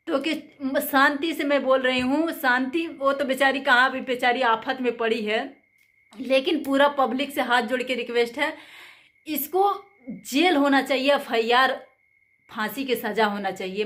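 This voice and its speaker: Indignant high-voiced woman vlogger. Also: a bit bright. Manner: indignant, rambling and emphatic. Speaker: channel host. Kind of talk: angry commentary vlog.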